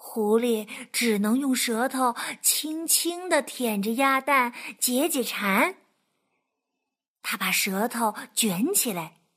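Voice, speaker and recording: A woman reading a children's picture book aloud in a lively, expressive way. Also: high voice. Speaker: storyteller.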